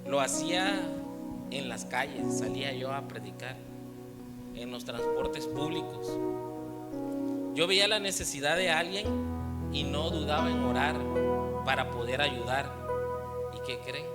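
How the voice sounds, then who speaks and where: A man's voice: mid-range voice, a little slow, long pauses, in a large hall. A man with a Mexican Spanish accent preaching a sermon in church, sharing personal testimony and asking the congregation questions. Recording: loud music behind the voice.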